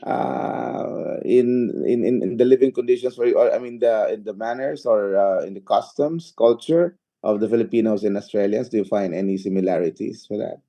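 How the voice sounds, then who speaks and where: A man hosting an interview, asking long halting questions full of uhs and repeated words. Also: lowish voice, dark tone. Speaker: interview host.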